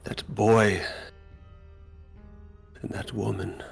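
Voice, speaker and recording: A man voicing a brooding, paranoid vampire lord who mutters quietly in a half-whisper during a tabletop game. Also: on the low side, level tone, drawn-out words, creaky, breathy edge, faint music behind, voice pushed up, exaggerated voice. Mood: muttering, tormented.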